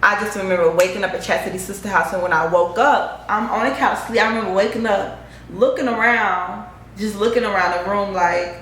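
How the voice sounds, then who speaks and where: A young woman tells a story straight to the camera, chatty and animated and cursing freely. Her pitch sits mid-range for a woman. The room echoes around her, with a faint hum of ambience underneath. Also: brisk. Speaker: vlogger. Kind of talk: casual storytime monologue.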